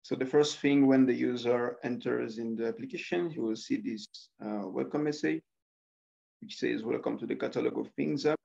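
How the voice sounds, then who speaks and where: A young Rwandan man demos his student coding project by screen share on a video call, hesitant and filling gaps with filler sounds. His medium-pitched voice is warm and creaky, at a moderate pace. The lo-fi audio sounds slightly dull.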